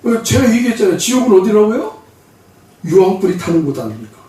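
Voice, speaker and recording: A man preaching a sermon as pastor, telling stories in a lively way and acting out the voices of the people in them. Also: high-pitched, fast, far from the mic. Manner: animated, acts out quoted voices. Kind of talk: sermon with humorous storytelling. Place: church sanctuary. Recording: echoey church hall, voice from off mic.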